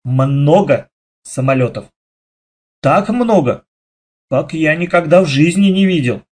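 Lively, husky male storybook narrator. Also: fairly high pitch, a little slow. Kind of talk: expressive children's audiobook reading.

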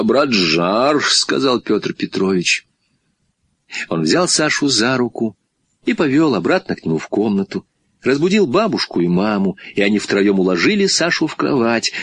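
A man narrating a children's storybook in a lively, expressive reading voice. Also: no echo. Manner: expressive, with wide swings in pitch. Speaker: audiobook narrator.

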